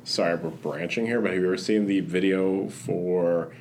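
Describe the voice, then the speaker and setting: Deep-voiced guy hosting a podcast, rambly, keeps restarting, faint room hum behind. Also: steady tone, moderate pace, darkish tone. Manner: rambling, full of restarts and fillers. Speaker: podcast host. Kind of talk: casual chat.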